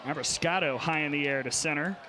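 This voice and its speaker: A man calling live softball play-by-play in clipped, punchy phrases. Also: a little high, a little fast. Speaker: play-by-play announcer. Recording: noisy stadium crowd behind commentary. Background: crowd and outdoor ballpark noise.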